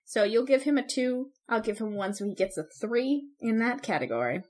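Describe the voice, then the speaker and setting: Canadian woman cohosting a podcast, chatty and playful, kinda high voice. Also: lively intonation, normal speed, darkish tone. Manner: chatty, laughs often, playful. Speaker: podcast co-host. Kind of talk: casual chat, scoring popes.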